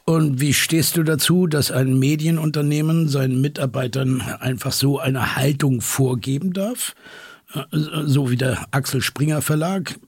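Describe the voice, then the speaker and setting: An actor playing a podcast host who asks probing, slightly hesitant questions in an audio drama. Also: male voice, mid-range voice, fairly even intonation, unhurried, breathy edge, dry recording, studio quality.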